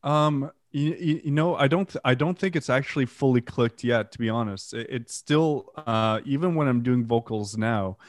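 Here a French Canadian man who sings and plays guitar in a band tells stories about it, loose and meandering, peppered with "like," false starts, casual swearing and self-mockery. His pitch is ordinary and mid-range, and the close, dry recording has no room sound at all.

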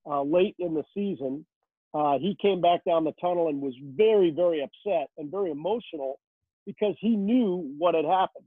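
A man telling behind-the-scenes stories as a rinkside hockey reporter, rambling and chatty with lots of fillers. His voice sits a bit high, and it comes through a thin, phone-like line. The sound is dry and close, with no room echo. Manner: chatty storyteller, many fillers. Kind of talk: casual interview answers.

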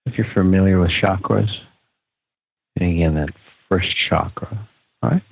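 Deep, husky man guiding meditation over phone-like audio. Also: no room sound. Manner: calm, casual, informal phrasing with pauses. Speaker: guided meditation podcast host. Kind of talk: guided meditation, unscripted instruction. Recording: muffled, phone-like narrow sound.

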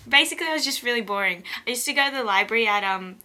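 A woman's voice: on the high side, lively intonation, very fast, pushed and bright, slight background noise. A young Australian woman at college, telling her story in a casual interview, rambling and laughing often. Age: young adult.

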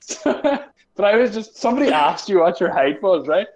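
A young man tells rambling school stories in a casual podcast chat, breaking into laughter as he goes. His voice sits a little on the higher side. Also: expressive, normal speed, slight background noise. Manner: laughs often while telling stories, rambling.

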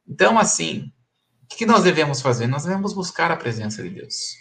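Gravelly man preaching. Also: on the high side, big pitch swings, a little fast, a bit bright. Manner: emphatic, repetitive, chuckles between points. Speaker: pastor. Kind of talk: live-streamed Bible study preaching.

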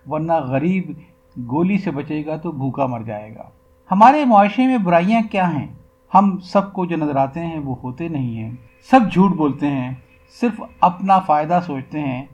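A man with a fairly high voice reads an interview aloud for a podcast. He lifts his pitch for each question and drops back to a plainer tone for the answers. The recording sounds dull and lo-fi. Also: darkish tone. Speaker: podcast reader. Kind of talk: scripted reading of an interview.

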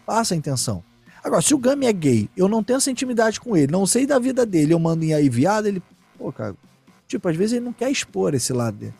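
A man hosting a casual chat, telling stories in a slangy, animated way and acting out the quotes. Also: high voice, vocal fry, slightly rough, no echo. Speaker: streamer and podcast host.

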